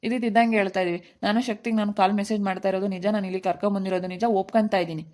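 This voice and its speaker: A woman's voice: medium pitch, steady tone, racing, darkish tone, lightly acted. A woman playing a defiant young man in love who argues back insistently, in an amateur family skit.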